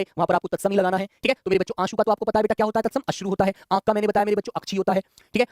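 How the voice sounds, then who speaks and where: Male tutor, rapid-fire exam-prep lesson, fond and repetitive with students, dry close mic. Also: high voice, dry recording. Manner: affectionate, addresses students as children, repeats questions. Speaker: teacher.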